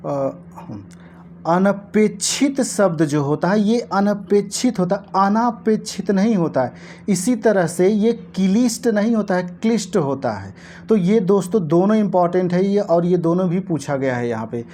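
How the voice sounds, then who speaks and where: A woman teaching an exam-prep lesson, explaining answers to past-paper questions and repeating key words slowly for her viewers. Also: medium pitch, animated, warm tone, a little hiss or hum.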